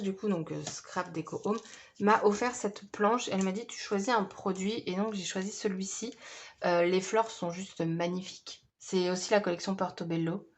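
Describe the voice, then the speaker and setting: A woman's voice: medium pitch, a little hiss or hum. A woman chatting casually through a scrapbooking haul, hesitant and full of fillers. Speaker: scrapbooking vlogger.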